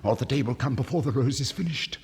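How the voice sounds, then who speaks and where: A man's voice: mid-range voice, a little mellow, natural voice. Man voicing a pleading tree spirit, long reverb. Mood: urgent pleading. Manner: pleading, drawn-out, theatrical calls. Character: gentle, sorrowful, urging old tree spirit. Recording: 1950s vinyl record with long reverb.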